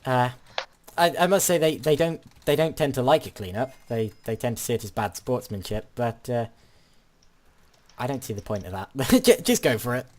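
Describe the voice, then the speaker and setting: A woman's voice: extremely low pitch, animated, normal speed, a little mellow, a little hiss or hum. A woman, chatting through a game as the host, with dry jokes and stammered restarts. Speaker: channel host playing a minecraft minigame. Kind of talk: casual gaming commentary.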